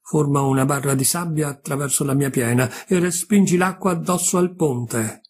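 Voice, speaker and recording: Man reading as a vengeful river goddess, husky. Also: a little high, normal speed. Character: vengeful old mother river goddess, stern.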